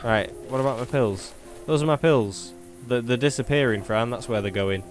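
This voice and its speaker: A man's voice: medium pitch, normal speed, faint music behind. Chatty man doing game commentary. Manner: chatty, self-talking, jokey. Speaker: gaming youtuber. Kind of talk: let's play commentary.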